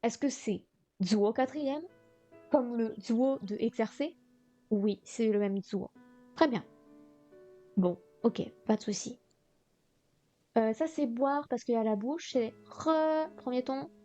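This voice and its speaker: A woman's voice: on the high side, expressive, slow, pauses often, mellow, soft background music. A woman streaming live as she revises vocabulary, thinking aloud and often correcting herself. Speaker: streamer studying Chinese vocabulary. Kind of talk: live-stream study session.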